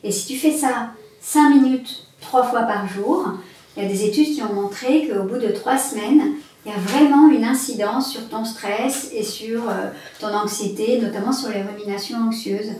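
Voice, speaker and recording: A woman's voice: fairly high pitch, normal speed, dark tone. A woman instructor giving guided breathing instruction in a conversational, step-by-step way. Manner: explanatory, with guiding step-by-step phrases. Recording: very echoey room, distant mic, faint noise.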